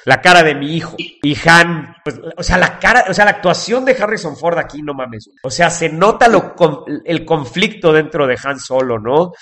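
A man with a Mexican Spanish accent and a slightly higher voice, chatting casually as a podcast host. He talks in an animated, excitable way, peppering his retelling with slang and restarts. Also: normal speed, hardly any pauses. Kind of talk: casual chat retelling a film.

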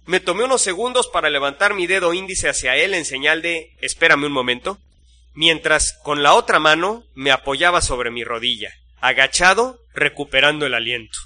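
Bright-voiced male storyteller. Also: fairly high pitch, normal speed, few pauses. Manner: steady, suspenseful storytelling. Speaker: narrator. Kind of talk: first-person story narration.

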